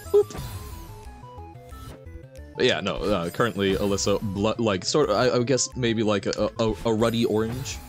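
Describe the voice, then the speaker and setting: A man's voice: fairly low pitch, fairly even intonation, moderate pace, long pauses. A man livestreaming a game and chatting with viewers, chirpy and playful, with little sound words and exclamations. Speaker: live streamer. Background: game music.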